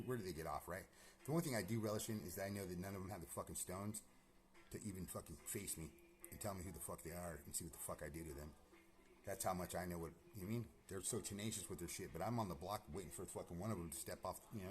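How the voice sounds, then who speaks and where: Male vlogger with a low register, restless and foul-mouthed, talking fast from an empty house. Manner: profane, agitated, rambling. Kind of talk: rambling personal monologue. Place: empty house being renovated.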